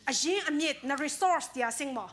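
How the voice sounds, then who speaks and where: Woman, preacher, sermon, conversational, high pitch, bright tone. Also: normal speed. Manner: conversational preaching, mixes in English words.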